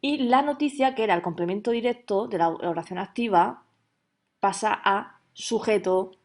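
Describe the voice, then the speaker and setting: Profesora española, explicativa, muletilla "¿vale?", tono medio. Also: female voice, medium pitch, normal speed, a little mellow. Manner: explanatory, checks understanding with frequent "¿vale?". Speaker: teacher. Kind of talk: recorded video lesson.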